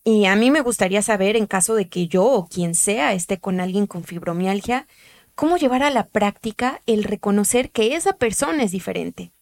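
Calm woman narrating a podcast. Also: medium pitch, normal speed, vocal fry. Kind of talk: scripted narration.

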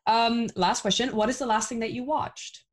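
A woman interviewer, upbeat, asking quick rapid-fire questions. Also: on the high side, steady tone. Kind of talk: casual interview.

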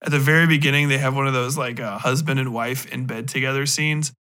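This man talks fast in a mid-range voice, his tone steady, bright and forceful. Hosting a podcast, he tears into a film in a rambling, comedic rant that's blunt, mocking and full of profanity, performing imagined lines of dialogue as he recounts scenes.

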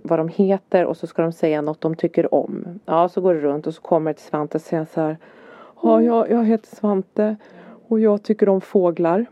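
A woman's voice: sits low, no echo. A woman, a mother and podcast co-host, telling family stories in casual chat and acting out lines from her son and herself. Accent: Swedish. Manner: animated storytelling, acting out her son's and her own lines. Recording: slightly dull dry podcast audio.

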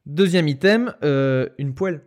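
A man's voice: on the high side, expressive, a little slow. Man with a Lorraine accent hosting a quiz. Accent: Lorraine French. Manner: hesitant, full of fillers and restarts, laughing. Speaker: quiz host. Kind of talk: casual podcast chat.

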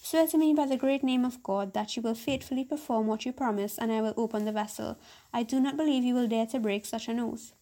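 A poor, wary fisherman from an old fairy tale, voiced by a woman, weighing his words with caution in archaic speech. The tone is soft and mellow, slightly raised. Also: a little high, brisk, close to an everyday voice.

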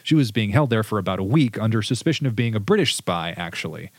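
A man's voice: fairly low pitch, animated, fast talker, no room sound. A man hosting a history podcast, chatting casually and reading out quotes from his sources. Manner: conversational, reads quotes from sources. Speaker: podcast host.

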